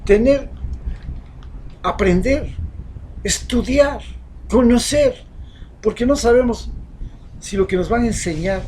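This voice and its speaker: Speaking as a social commentator, this Ecuadorian-accented man delivers a fiery, rhetorical monologue of opinion that alternates between shouting and quiet asides. His pitch is extremely high, he speaks slowly with long pauses, and there's a little background noise.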